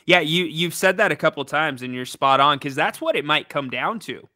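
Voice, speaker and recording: A young man co-hosting a postgame basketball talk show from a small studio, upbeat and quick to ask questions. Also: a little high, expressive, bright, forceful tone, dry recording. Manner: upbeat, asks questions, agrees readily. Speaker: co-host.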